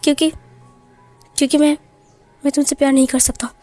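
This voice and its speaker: A woman's voice: high voice, level tone, fairly quick, warm tone, no echo, faint music behind, close to an everyday voice. A woman voicing a short-tempered young male mafia boss who snaps and threatens. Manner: snapping, threatening, bossy.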